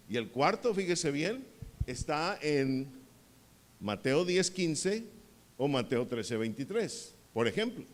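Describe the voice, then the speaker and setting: A male pastor delivers a sermon in a church hall. His voice sits high, and his delivery is slow and deliberate. He keeps putting questions to the congregation and leans hard on the key words. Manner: asks the congregation questions and waits for answers; emphatic, rises on key words.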